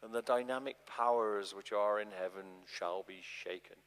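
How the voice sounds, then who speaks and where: A man reading the part of Jesus in a dramatic scripture performance, as a solemn, urgent teacher who prophesies with weighty, deliberate phrasing. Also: on the low side, a bit bright, natural voice. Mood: grave, foreboding. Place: large church, live performance. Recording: long church reverb.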